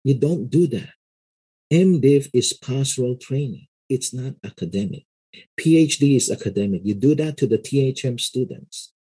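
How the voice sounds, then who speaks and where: A middle-aged man talks through his ideas in an unhurried, explanatory way, like a pastor who also teaches. His voice is mellow and warm, with a slightly husky grain. He speaks at a middle pitch and keeps dropping in a casual "you know". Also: rough recording. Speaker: pastor and seminary lecturer. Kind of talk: casual interview talk.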